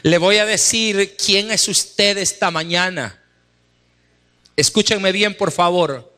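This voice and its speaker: Man, pastor, high voice, bright tone, Sunday sermon, emphatic repetition, echoing church hall. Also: slow. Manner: preaching with emphatic, repeated exhortations; acts out wife and husband in asides. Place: church sanctuary. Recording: live hall with echo and music.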